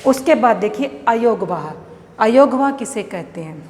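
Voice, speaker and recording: A woman with a Haryanvi accent teaching a grammar lesson, explaining step by step and often checking whether it is clear. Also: on the high side, lively intonation, a little slow, a little mellow. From India. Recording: echoey room with long reverb, faint noise.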